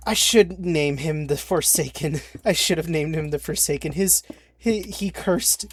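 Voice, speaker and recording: Slow, rambling frustrated young man gamer. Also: on the high side, husky. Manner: rambling, halting and frustrated, with frequent swearing and restarts. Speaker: let's-play creator. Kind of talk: game commentary. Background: faint keyboard clicks.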